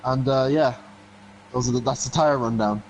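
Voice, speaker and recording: A man's voice: medium pitch, normal speed, a little mellow, rough recording. A man giving live motorsport commentary, describing incidents and analysing the race. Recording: clear background noise.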